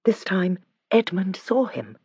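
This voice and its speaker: A man narrating a children's fantasy audiobook in a measured storytelling manner. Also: high voice, very animated, darkish tone, breathy edge, dry recording. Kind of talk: scripted narration.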